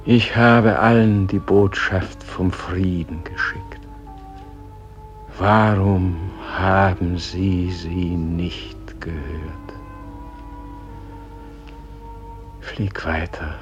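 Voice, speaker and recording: An actor playing a dying, weary and pleading Gandhi in a solemn poetic radio play, grave and halting, with a husky, breathy voice. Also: male voice, sits low. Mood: sorrowful questioning. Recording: dull, muffled old radio recording.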